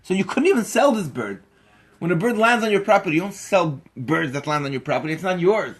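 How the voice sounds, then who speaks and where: This is an insistent grown man explaining a point about a bird, voiced by a man telling the tale. He climbs high and loud as he presses the argument home. It sounds like an everyday speaking voice lifted by conviction. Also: animated, a little fast. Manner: insistent, rising emphatic lecturing tone. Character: adult male buyer explaining a bird is not the seller's.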